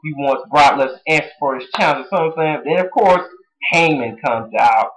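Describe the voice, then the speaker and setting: A wrestling show reviewer recapping an episode in a casual vlog, excitable and full of fan slang. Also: medium pitch, fairly quick, low-quality recording. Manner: excitable, breaks into song and impressions.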